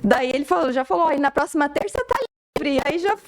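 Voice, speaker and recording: A woman's voice: high-pitched, fast talker, slight background noise. A woman host with a Brazilian Portuguese accent, chatting casually, laughing easily and poking fun at herself. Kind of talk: casual chat.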